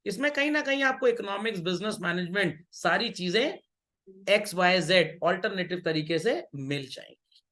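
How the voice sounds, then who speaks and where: A man's voice: high voice, expressive, normal speed, bright, forceful tone. A middle-aged man teaching business studies in an online class, mixing Hindi and English and playfully teasing and checking on his students. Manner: teases and scolds students playfully.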